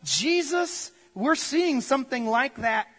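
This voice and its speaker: High-voiced pastor with long church reverb. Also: male voice, very animated, slow pace, a bit bright. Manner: conversational, jokey storytelling to the congregation. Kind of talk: sermon.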